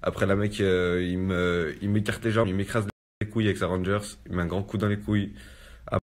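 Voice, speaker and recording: A man's voice: deep voice, little pitch movement, brisk. A young man casually recounting a personal ordeal in street slang, filling his speech with "en gros". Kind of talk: casual spoken testimony.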